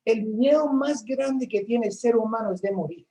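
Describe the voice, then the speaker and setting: A woman's voice: fairly high pitch, normal speed, warm tone, a little hiss or hum, rough recording. A woman from a church ministry, talking earnestly about her faith in a casual chat, often restarting her sentences. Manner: earnest storytelling with frequent restarts.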